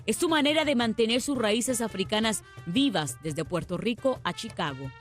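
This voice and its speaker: A woman's voice: on the high side, animated, normal speed, soft background music. A woman reporter reading scripted narration for a television news feature.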